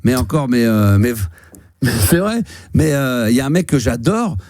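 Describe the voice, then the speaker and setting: With a sing-song delivery and a darkish, medium-pitched voice at normal speed, a man in his fifties hosts a radio call-in show. He chats casually with a caller, rambling and restarting often with many fillers, in a dry, studio-quality recording.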